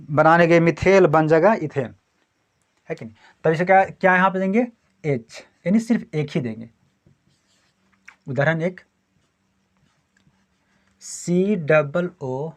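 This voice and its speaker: A male chemistry teacher lecturing a class, who keeps asking questions and answering them himself and repeats the key terms again and again. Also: fairly high pitch.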